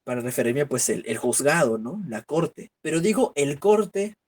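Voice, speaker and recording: A man with a slightly high, sing-song voice and a darkish tone teaches an online grammar class at a moderate pace, working through examples and posing rhetorical questions. It's a virtual class lecture picked up by a computer mic on a video call.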